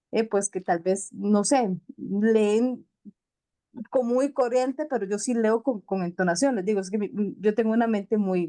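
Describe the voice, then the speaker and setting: A woman chats on a talk show, spinning stories and laughing at herself as she goes. Her voice sits a little high but has a soft, mellow tone. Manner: chatty storyteller, laughs often, self-deprecating.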